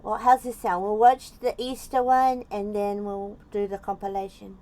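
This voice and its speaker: A woman's voice: medium pitch, flat delivery, moderate pace, warm tone. An Australian woman chatting casually as she reacts on a livestream, with a cute, chatty anime-streamer manner. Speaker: VTuber streamer reacting to videos. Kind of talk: casual live reaction chat.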